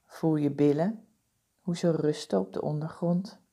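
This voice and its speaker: Slow, mellow-voiced woman guiding meditation. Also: low-pitched, slightly rough. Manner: slow, soothing, calm instructions. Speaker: meditation guide. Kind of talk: guided body-scan meditation.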